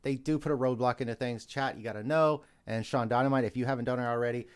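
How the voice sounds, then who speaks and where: A man's voice: medium pitch, fairly even intonation, fast, slight background noise. A man in his forties hosting a live stream, talking straight to his chat in an emphatic, urging way on a cheap mic. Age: 40s. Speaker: streamer host. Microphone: cheap desk mic.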